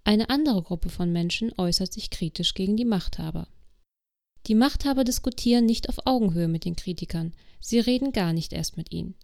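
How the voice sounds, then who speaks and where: A woman reads out accusing, rhetorical commentary in a gravelly voice. The recording is dry and close. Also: medium pitch, expressive, brisk, darkish tone, dry recording. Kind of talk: read-out commentary.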